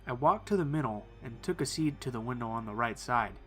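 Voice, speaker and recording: A man reading first-person horror stories in a calm, measured storytelling voice. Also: mid-range voice, soft background music. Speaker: narrator. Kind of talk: scripted horror narration.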